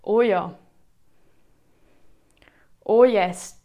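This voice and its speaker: Slow-talking woman with Swiss German accent. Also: mid-range voice, warm tone. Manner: speaks halting, non-native English with repetitions. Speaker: podcast host. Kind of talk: chatty solo podcast episode.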